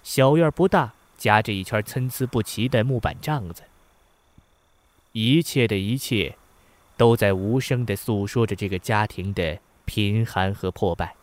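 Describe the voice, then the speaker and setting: A man narrating a novel in a measured, somber storytelling manner. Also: fairly low pitch, no room sound. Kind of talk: audiobook narration.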